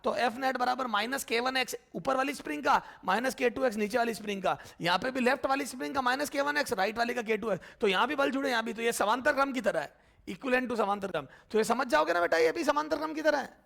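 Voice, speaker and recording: A physics teacher, a man, works through a lecture at the board. His voice sits high and has a gravelly, creaky edge. He fondly calls students "beta", poses their questions and answers them, and drags out terms as he writes. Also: fairly bright tone. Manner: repeats terms slowly while writing.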